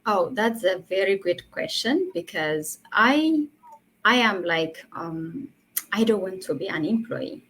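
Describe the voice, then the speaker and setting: A woman's voice: mid-range voice, expressive, a little slow, a bit bright, a little hiss or hum, rough recording. A woman, a guest telling her story earnestly over a video call in a casual interview. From Ethiopia. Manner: earnest, laughs between phrases. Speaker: guest, online entrepreneur.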